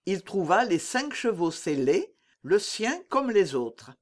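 An audiobook narrator reading a classic adventure novel with expressive, lively storytelling. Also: mid-range voice, slow pace.

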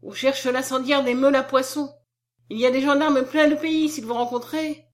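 A woman reading a story aloud, voicing an anxious, devout peasant nurse who speaks in loud exclamations. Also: mid-range voice, moderate pace, close to an everyday voice. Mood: fearful. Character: frightened, kind-hearted peasant nurse woman. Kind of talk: audiobook character reading.

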